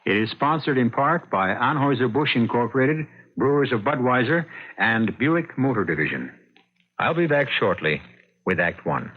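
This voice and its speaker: A man hosting an old radio drama, delivering scripted narration in a deliberate, portentous manner. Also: medium pitch, expressive. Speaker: host and announcer. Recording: dull old radio recording with music.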